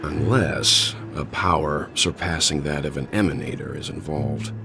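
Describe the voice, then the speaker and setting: An actor voicing a calm, analytical crew member in a video game, speaking in a measured way. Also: male voice, very deep voice, vocal fry, over music, full character voice. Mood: serious.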